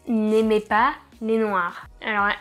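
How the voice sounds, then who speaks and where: A woman's voice: medium pitch, level tone, slow, a bit bright. A young woman from France telling travel stories to camera in a casual, chatty way, with frequent hesitations and wry asides. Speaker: vlogger.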